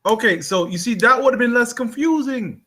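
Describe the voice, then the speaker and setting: A man playing a tabletop role-playing game, animated and quick to argue in character. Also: very high-pitched. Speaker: player. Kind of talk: casual tabletop role-play.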